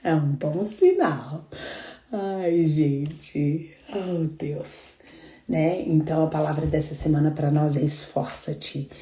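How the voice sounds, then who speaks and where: A woman's voice: sits low, takes it slowly, mellow, reverberant. A middle-aged Brazilian woman leading a live devotional, chatting and telling stories with frequent laughter. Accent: Brazilian Portuguese. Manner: chatty, storytelling, laughs often. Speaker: devotional group leader.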